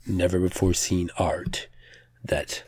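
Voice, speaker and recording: A man's voice: low-pitched, level tone, takes it slowly, darkish tone, husky, dry recording. A man hosting a podcast solo with casual news commentary, hesitant and self-correcting, in a slightly strained, pressed voice. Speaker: podcast host.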